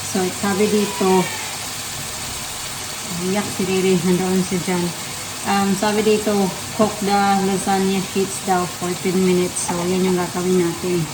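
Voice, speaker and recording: A young Filipina mother with a Filipino accent talks viewers through a home recipe at an unhurried pace, switching easily between Tagalog and English. Her voice bounces around a hard-surfaced kitchen, with pans sizzling and frying clearly underneath. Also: mid-range voice, level tone, roomy sound, noisy background. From Philippines. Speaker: vlogger, mother of a baby. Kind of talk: casual cooking vlog.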